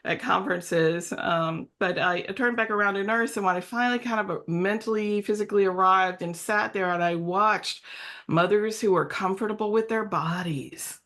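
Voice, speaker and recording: A woman's voice: mid-range voice, moderate pace, fairly bright tone. A woman hosting a panel discussion over a video call, telling a story in a heartfelt, emotional way. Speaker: editor and discussion host.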